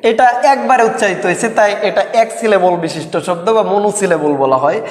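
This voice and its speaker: A man's voice: high voice, lively intonation. A man teaching English grammar, explaining step by step and answering his own questions. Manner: switches between slow English lines and Bengali explanation. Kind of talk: classroom-style grammar lesson. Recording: echoey room with long reverb.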